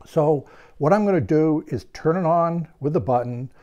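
A man's voice: fairly high pitch, normal speed, darkish tone, muffled recording. An older man giving a hands-on product tutorial in his home workshop, explaining steadily and stressing key points. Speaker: hobby reviewer.

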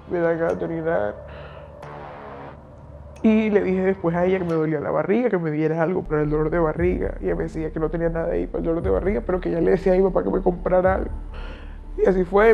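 A young woman speaks softly and haltingly as she gives a personal testimony. Her voice has a gravelly, fry-touched edge. The audio is dull and lo-fi, with soft music underneath. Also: fairly low pitch. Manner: quiet, halting, searching for words. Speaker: interviewee giving testimony.

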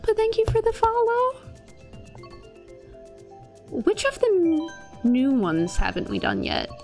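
Chatting casually while gaming on a live stream, this playful, self-deprecating woman from Florida, United States, speaks slowly in an extremely high, creaky voice with a darkish tone and huge swings in pitch. Video game music runs underneath.

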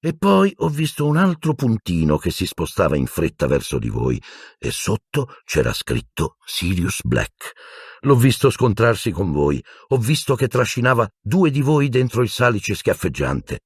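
Male narrator as calm middle-aged wizard mentor, measured, husky, dry studio read. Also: fairly low pitch, no echo, voice pushed up, exaggerated voice. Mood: explaining. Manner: measured, explaining, mildly impatient.

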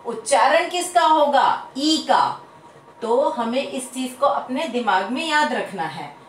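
A fairly high-voiced woman teacher leads young children through a lesson, stretching each word out slowly. She quizzes the class in a lively sing-song. The recording is roomy, with her voice set back from the mic. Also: a little hiss or hum. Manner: drawn-out sing-song word drills, asks questions to pupils. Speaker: primary school teacher. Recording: echoey room, voice from a distance.

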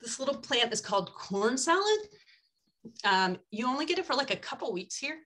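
An older woman guides a foraging talk through her webcam on a video call, presenting slides casually from an indoor room. Her voice is high-pitched and sharp, very animated and at a moderate pace, and she chats eagerly with many ums.

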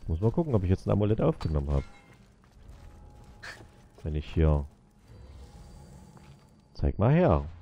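A man's voice: low voice, sing-song, a little slow, pauses often, muffled recording, a little hiss or hum. A man casually commenting while playing a video game, muttering to himself and talking to the characters on screen. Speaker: let's play gamer.

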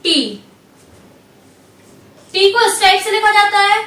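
High, bright woman teaching in an echoey room. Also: little pitch movement, far from the mic. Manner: slow, patient, repeats each letter. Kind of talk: step-by-step language lesson.

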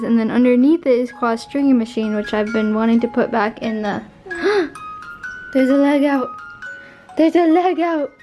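High-voiced young mother vlogging at home. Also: poor audio. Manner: cooing baby talk to her infant. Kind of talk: casual home vlog. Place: home nursery.

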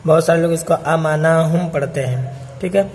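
A man's voice: fairly high pitch, a little mellow, long reverb tail. Man teaching Quran recitation, chanting and explaining. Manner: chants verses slowly, then explains quickly in Urdu with repeated "theek hai?".

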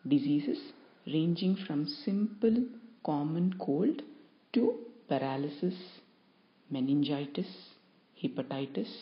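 In this recorded student lecture, a low-voiced woman speaks with measured, explanatory delivery and leans on important terms. The sound quality is dull and a little lo-fi.

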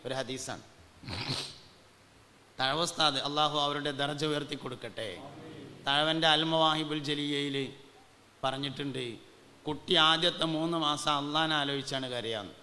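A male preacher, giving a storytelling sermon and now and then slowing into chanted devotional verses. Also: on the high side, fairly even intonation, bright, forceful tone, long reverb tail. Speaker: Islamic preacher.

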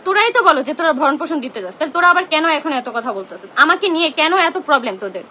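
Very high, fast, tense young woman. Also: very animated, sharp tone, highs cut off, a little hiss or hum. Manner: indignant, confrontational, repeats herself. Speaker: live-streamer. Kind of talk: emotional live-stream rant. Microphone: phone.

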